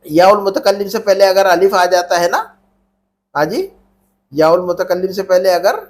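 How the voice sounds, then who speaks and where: A high-voiced man speaking at a normal speed teaches Arabic grammar in a classroom. His lesson relies on call-and-response drilling, with questions patiently repeated and students prompted to reply.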